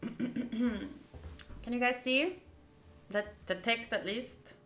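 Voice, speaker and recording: A live streamer plays through a visual novel in her home room, her fairly high, fairly bright voice drawing out words as she teases and jokes informally. The room is echoey, and there's a little hiss or hum on the audio.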